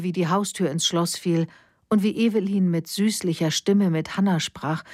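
Low-voiced woman reading a novel. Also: darkish tone, no echo, studio quality. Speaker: narrator. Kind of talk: audiobook narration.

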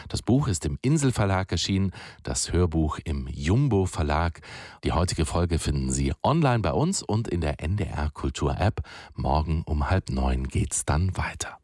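A man making a calm, formal radio station announcement. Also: a bass voice, no room sound, studio quality.

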